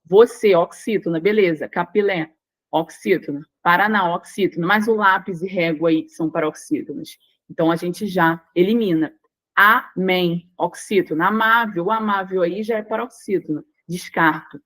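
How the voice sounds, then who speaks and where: A young Brazilian woman with a lowish voice teaches a Portuguese grammar lesson for exam prep at a normal speed, on a rough recording. She goes through each word step by step, leaning on stressed syllables and checking in with her students often.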